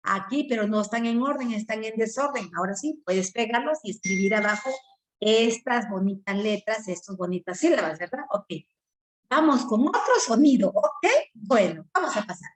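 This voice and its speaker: A woman teaching letter sounds to a young child at home, coaxing and repeating each syllable slowly for the child to copy. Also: a little high, animated. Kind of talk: early reading lesson for children.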